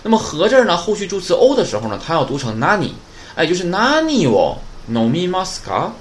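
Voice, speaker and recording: A man's voice: high voice, huge pitch swings, fast talker, a little hiss or hum. A man who is a native Chinese speaker, teaching a Japanese grammar lesson in Chinese, often checking with his students. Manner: explains in Chinese, quoting Japanese words and sentences; keeps checking with "对吧" and "哎".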